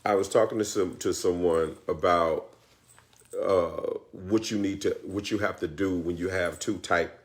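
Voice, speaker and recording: Unhurried and low, with fairly even intonation, this man co-hosts a church live stream where affectionate teasing of his wife turns into earnest teaching about relationships.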